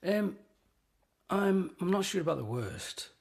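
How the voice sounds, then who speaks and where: Middle-aged male podcast co-host, gravelly voice, wry and hesitant delivery. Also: high-pitched, sing-song, a little slow. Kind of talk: casual chat.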